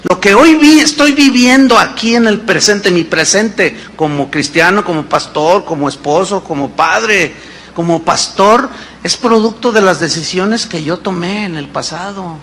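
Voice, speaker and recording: A man's voice: high-pitched, lively intonation, measured pace, a bit bright, a little hiss or hum. A man, preaching a sermon as pastor, emphatic, with rhetorical questions and acted-out dialogues. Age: 50s.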